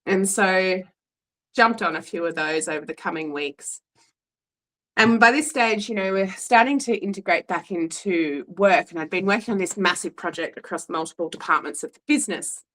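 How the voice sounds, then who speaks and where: A woman's voice: on the low side, moderate pace, a bit bright, low-quality recording. An Australian woman in her forties candidly telling a personal story in a chatty, frank way. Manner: frank, chatty, restarts and fillers, acts out quoted voices.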